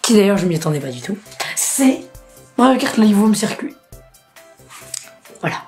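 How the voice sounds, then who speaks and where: A woman's voice: medium pitch, big pitch swings, normal speed, darkish tone. A woman in a casual unboxing vlog, chatty and laughing often, swearing freely, with faint music behind her. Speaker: youtuber.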